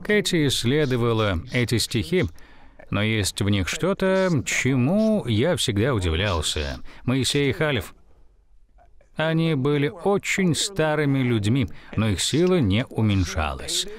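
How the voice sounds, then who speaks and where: A man dubbing an older talk show host, who asks questions and announces segments in a measured way. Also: mid-range voice, very animated.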